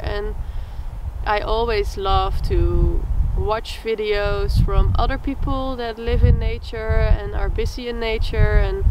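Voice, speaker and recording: A woman's voice: mid-range voice, noisy background. A woman from the Netherlands with a Dutch accent, vlogging to camera outdoors in her garden in a hesitant, self-conscious way with small giggles. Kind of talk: casual vlog to camera.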